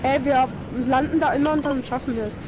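A woman's voice: sits high, steady tone, fast, background noise. A woman streaming a shooter game with a friend, chatting casually and calling out enemies. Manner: chatty, hushes her dog between callouts. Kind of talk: casual gaming chat.

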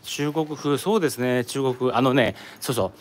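A man's voice: mid-range voice, moderate pace, slight background noise. A man from Japan chatting casually on a live stream while walking around an outdoor tourist site, rambling and answering viewer comments. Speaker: live streamer, office worker in Korea.

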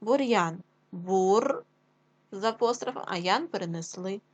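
A woman teacher speaks slowly and deliberately, sounding out each letter and syllable as she leads a classroom lesson. Her voice sits at an ordinary middle pitch, with a Ukrainian accent. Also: lively intonation, lo-fi sound. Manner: slow, clear, drawn-out dictation with sounds spelled out. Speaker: primary school teacher.

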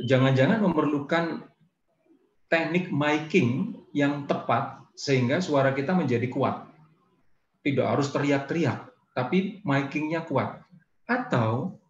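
A man giving a relaxed, conversational public speaking lesson, now and then showing how intonation changes a line. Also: mid-range voice, vocal fry, roomy sound, highs cut off, a little hiss or hum. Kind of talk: training session talk.

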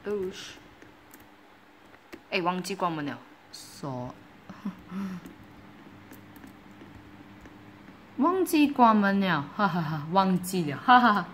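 Woman, gaming commentary, slow-paced, animated, giggly and excitable. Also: mid-range voice, slight background noise. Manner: giggly, excitable, mixes in English exclamations. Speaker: gaming YouTuber. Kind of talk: casual game commentary.

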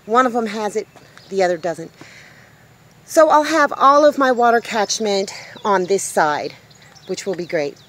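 A woman's voice: medium pitch, lively intonation, unhurried, a bit bright. Chatty middle-aged woman vlogging outdoors. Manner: chatty, upbeat, exclaims at small discoveries. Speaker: homesteading vlogger. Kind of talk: casual outdoor vlog. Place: outdoors in a rural yard by a tiny house.

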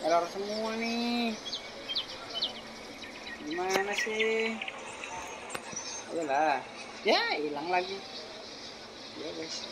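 An excitable gaming host commenting casually on play, with frequent exclamations and laughs, in an unhurried drawl. The voice sits at a middling pitch. Loud background noise and chirping birds sound behind it.

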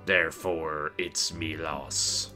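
A man playing a calm, honorable young samurai warlord in a visual novel, speaking in a measured, resigned way. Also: rumbling low, full character voice. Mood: calm, firm. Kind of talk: visual novel character dialogue. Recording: background game music.

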